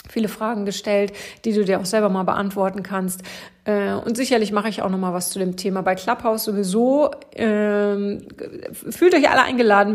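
A woman giving a motivational talk to her listeners, encouraging and speaking to them directly, sometimes slowing into a whisper for emphasis. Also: mid-range voice. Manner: encouraging, addresses listener directly, frequent "ja" tags.

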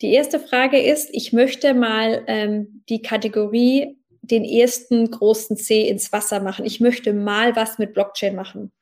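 A woman with a slightly high voice answers an interview as an expert, explaining at length. She hesitates often and fills her pauses with "ähm" as she searches for words. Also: fairly even intonation, darkish tone. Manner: many fillers, explanatory and thoughtful. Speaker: blockchain expert guest.

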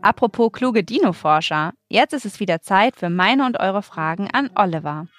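A female kids show host with a medium-pitched voice speaks over soft music. She addresses children directly, explaining things in simple, scripted language with playful little exclamations. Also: lively intonation, normal speed, dry recording. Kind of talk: kids show hosting, scripted narration and questions.

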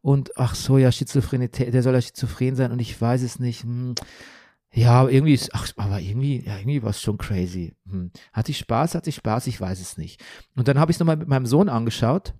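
A man co-hosting a casual podcast chat about TV series, animated, breaking off and restarting, dropping in English phrases. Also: mid-range voice, brisk, hardly any pauses, no echo, clean studio sound. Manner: animated, self-interrupting, mixes in English phrases. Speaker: podcast co-host.

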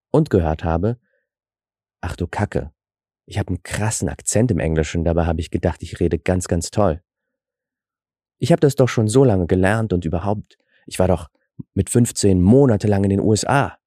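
A man with a deep, mellow voice hosts a scripted solo podcast, reflective and explanatory, with self-deprecating asides. He grew up in Germany, and Russian is his first language. The audio is studio quality, with no room sound.

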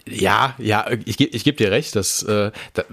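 A man's voice: on the low side, normal speed, vocal fry, a bit bright. A man hosting a casual conversation about guitar playing, talking in a slangy, colloquial way with many fillers and restarts. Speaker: host.

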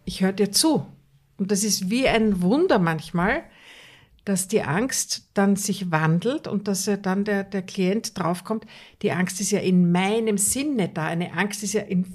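A woman's voice: medium pitch, measured pace, darkish tone. Earnest German-speaking woman coach. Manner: earnest, emphatic, repeats words for stress. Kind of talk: conversational interview.

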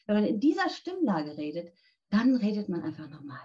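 Speaking briskly with big pitch swings, a woman in her fifties who works as a voice coach responds to an interviewer in an earnest, direct manner, offering practical advice and telling listeners what to do. Her mid-range voice is dark-toned, and the audio is dull.

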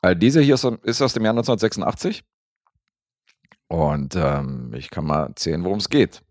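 Deep-voiced man chatting with fillers. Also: normal speed, no room sound, studio quality. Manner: relaxed, rambling with frequent fillers. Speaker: podcast co-host reviewing films. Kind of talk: casual chat.

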